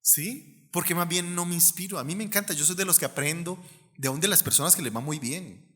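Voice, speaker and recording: A Colombian man preaching a sermon as pastor, animated and acting out the people in his stories. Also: a little high, fairly quick, in a large hall. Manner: animated, acts out quoted voices.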